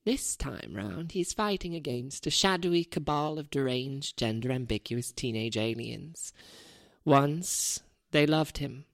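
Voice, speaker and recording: Woman playing a low-voiced, self-important lady author. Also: lively intonation, unhurried, gravelly, dry recording, clean studio sound, heavily acted. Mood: grave, self-important. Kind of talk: comedy radio sketch acting, celebrity parody.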